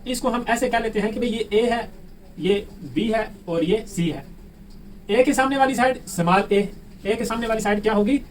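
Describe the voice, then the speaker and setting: A man's voice: high-pitched, normal speed. A man with a Pakistani Urdu accent teaching a math lesson, who keeps asking the class questions and answering them himself. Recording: distant mic with faint room noise.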